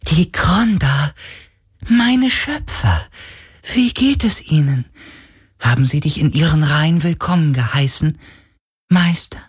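A man voicing an ancient, lonely telepathic sea spirit in a German audiobook, speaking in a breathy hushed whisper. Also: on the high side, animated, slow, pauses often, voice pushed up, exaggerated voice. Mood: mournful.

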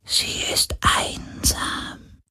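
A man voicing an ancient, lonely telepathic sea spirit in a German audiobook, speaking in a breathy hushed whisper. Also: drawn-out words, full character voice.

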